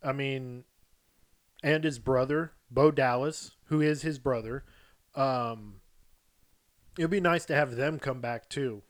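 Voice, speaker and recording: A man co-hosting a casual wrestling podcast, rambling and jokey, getting loud and animated as he riffs. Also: medium pitch, takes it slowly, long pauses. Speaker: podcast co-host.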